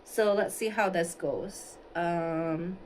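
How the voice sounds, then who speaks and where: A woman's voice: on the low side, slow, a little mellow, slight background noise, low-quality recording. A woman from Singapore livestreaming a makeup look, chatting casually and thinking aloud as she answers viewers. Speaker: beauty livestreamer. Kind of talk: casual livestream chat while doing makeup. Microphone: phone on a stand.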